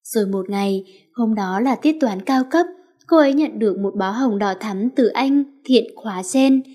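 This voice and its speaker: A woman narrating a story in an expressive reading voice. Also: fairly high pitch, normal speed.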